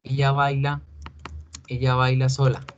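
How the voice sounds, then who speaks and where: Speaking a little slowly with a completely flat delivery, this male English teacher has a mid-range voice, and the recording has cut-off highs plus a little hiss or hum. He patiently walks through grammar in a recorded online class, weaving in English examples and posing and answering his own questions like a student.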